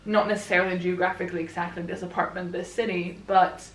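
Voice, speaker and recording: This Swedish book vlogger in her twenties talks quickly in a lowish voice with little pitch movement, rambling chattily and laughing often while she assembles furniture. She's in a room at home that echoes, and the camera is some distance away.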